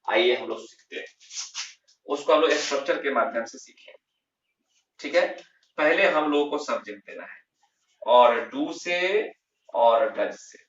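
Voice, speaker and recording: A man teaching English grammar in a lesson, slow and emphatic, repeating key terms and answering his own questions. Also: medium pitch, a bit bright. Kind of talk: classroom lesson explaining grammar. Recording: roomy, distant, dull lo-fi sound.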